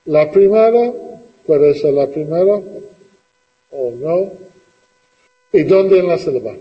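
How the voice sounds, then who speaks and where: Slow, patient male teacher in a reverberant classroom. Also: fairly high pitch, animated, lo-fi sound. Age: middle-aged. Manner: slow, patient questioning, repeating students' answers. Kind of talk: classroom lesson with questions to students.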